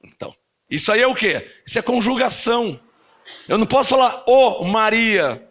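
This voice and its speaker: A man with a Brazilian Portuguese accent preaching a sermon to a congregation, animated and often asking them questions. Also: high voice, moderate pace. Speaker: apostle preaching. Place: church service.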